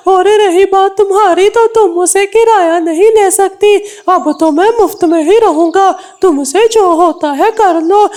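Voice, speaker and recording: A woman's voice: extremely high pitch, darkish tone. A woman voicing a scheming, bullying male crow in a cartoon, with a mocking, boastful manner.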